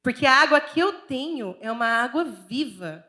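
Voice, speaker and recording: A Brazilian woman preacher voicing Jesus as a gentle, loving grown man who speaks softly and slowly. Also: sits high, expressive. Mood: tender. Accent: Brazilian Portuguese. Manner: tender, slow, soft.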